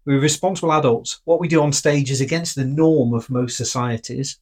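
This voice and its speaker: A laid-back podcast co-host in a medium voice, reading out quiz questions in easy chat. The delivery is relaxed and often giggly. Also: medium pitch, a little fast, slightly rough.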